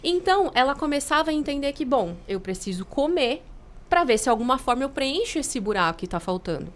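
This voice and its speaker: A woman's voice: sits high, big pitch swings, fairly quick. A woman, a podcast guest, explaining patiently with everyday examples.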